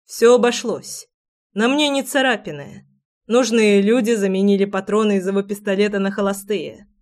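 A woman reading the lines of a calm, protective young man in an audiobook, in a measured, unhurried way, close to her own voice. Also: mid-range voice, lightly acted. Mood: reassuring.

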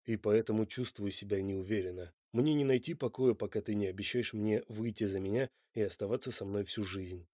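A man's voice: fairly low pitch, brisk, hardly any pauses, darkish tone, no room sound, clean studio sound, voice pushed down, close to an everyday voice. A man playing a blunt, passionate, demanding Italian lover in an audiobook. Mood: tender. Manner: blunt and insistent.

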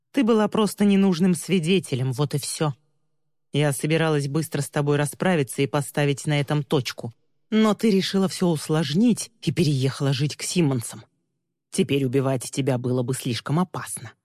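A woman voicing a cruel woman villain who mocks and scorns in a low, dark voice. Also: moderate pace, no room sound, clean studio sound, long reverb tail, natural voice. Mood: scornful. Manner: sneering, contemptuous, mocking.

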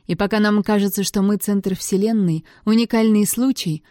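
A woman's voice: mid-range voice, warm tone, no echo, studio quality. A woman reading a first-person novel aloud, with a wry, sardonic tone. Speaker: audiobook narrator.

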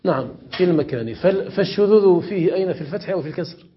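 Sheikh teaching grammar, lo-fi recording. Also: male voice, high voice, lively intonation, slight background noise. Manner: questions students and repeats examples slowly. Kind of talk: classroom lesson explaining morphology.

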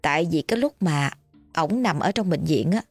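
A woman's voice: sits low, animated, normal speed, darkish tone, husky, no echo, soft background music. Chatty Southern Vietnamese woman storyteller. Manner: chatty, folksy, many fillers. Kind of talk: ghost story narration.

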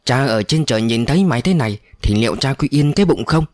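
A harsh, shouting older guardian, as a male narrator puts him on, barking rebukes in a lively, swinging voice. The sound is dry and close, with no room around it. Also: medium pitch, fast, no room sound, close to an everyday voice. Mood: angry scolding. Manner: shouting, scolding.

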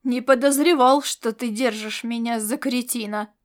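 A woman's voice: fairly high pitch, steady tone, normal speed, lightly acted. A woman reading an audiobook and voicing a hot-tempered male space mercenary who argues back defensively. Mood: angry. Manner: indignant, defensive, yelling back. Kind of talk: audiobook character voice.

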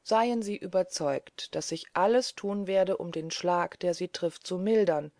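A woman reading aloud voices a grave, courteous gentleman who speaks in a measured, solemn way. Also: lowish voice, no echo, studio quality.

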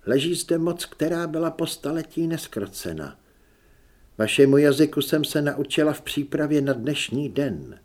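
A man voicing a cunning, persuasive high priestess. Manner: calm, persuasive, measured. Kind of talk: audiobook character reading.

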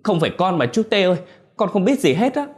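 A man's voice: high-pitched, very animated, fast talker, pitched above the performer's own voice. A man doing a frightened young man pleading. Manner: pleading, defensive. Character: young village man, mild but frightened.

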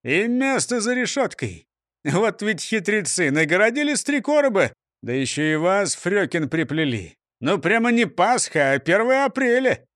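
A man's voice: high-pitched, very animated, moderate pace, fairly bright tone, no room sound, studio quality. A man voicing a pompous, boastful police chief who talks down to everyone. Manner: pompous, mocking.

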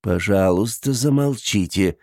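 A man voicing a cruel, frightened man who speaks in a numb, hushed way. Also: fairly low pitch, animated, unhurried, gravelly, dry recording, clean studio sound. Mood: tense. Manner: whispering, numb and cold. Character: Mr Benedict, cruel man, panicky and cold.

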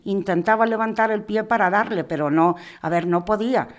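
A woman's voice: mid-range voice, brisk. Indignant middle-aged woman giving testimony. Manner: indignant, rising to anguished outbursts, acts out dialogue. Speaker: mother of a prisoner who died, guest speaker. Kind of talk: emotional personal testimony in a talk show.

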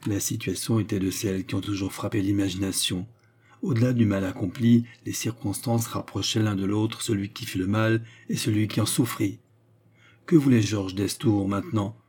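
A man reading a story aloud in measured, scripted narration. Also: lowish voice, darkish tone, slightly rough. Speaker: audiobook reader.

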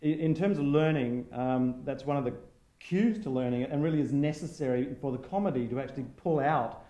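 A man of middle pitch explains the wordplay of a play in a patient way, then invites people to the show. His voice echoes in the room. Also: a little fast, warm tone. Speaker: stage actor. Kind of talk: casual interview chat.

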